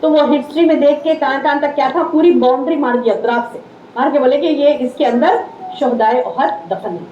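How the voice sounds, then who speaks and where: A woman's voice: high-pitched, brisk, mellow, slight background noise. A woman religious teacher with a Deccani Urdu accent giving a conversational Islamic lecture, repeating her key phrases. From India. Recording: roomy, slightly dull hall recording.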